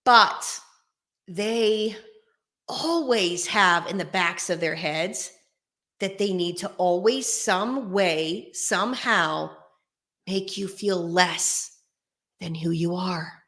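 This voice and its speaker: A host offers casual advice straight to viewers in a slow, bright, rather low voice. She's recorded in an echoey bare room with no carpets or soundproofing, and faint music can be heard.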